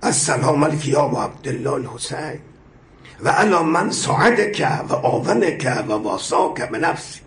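A man preaching a sermon with passion, reciting prayer lines and explaining them, his voice swelling to loud emphatic cries. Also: fairly high pitch, expressive, a crowd in the background. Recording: echoey room.

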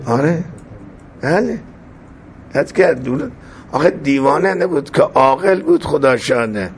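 A man's voice: fairly high pitch, expressive, a little hiss or hum. A man telling a folk tale in an informal, folksy way, with many asides. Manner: folksy and colloquial, with frequent asides. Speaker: storyteller. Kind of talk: informal oral storytelling.

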